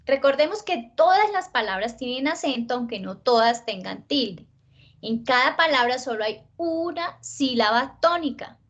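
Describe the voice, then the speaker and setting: A woman teacher with a Colombian accent giving an online spelling lesson, slowing down to stress words and often checking in with her listeners. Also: high-pitched, lively intonation, fairly bright tone, lo-fi sound. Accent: Colombian Spanish.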